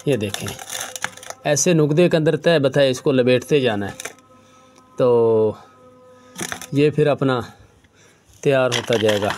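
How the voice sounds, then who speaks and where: Homespun herbal practitioner explaining step by step. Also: male voice, mid-range voice, a little mellow. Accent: Punjabi-influenced Urdu. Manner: casual, keeps saying "lo ji" and "bhaijaan". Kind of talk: hands-on demonstration tutorial.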